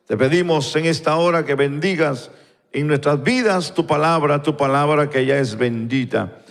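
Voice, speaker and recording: A man leading a slow, fervent prayer before a congregation, repeating "Lord" between phrases. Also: a little high. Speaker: pastor. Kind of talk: spoken prayer and sermon. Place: church sanctuary, recorded live. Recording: long church hall reverb.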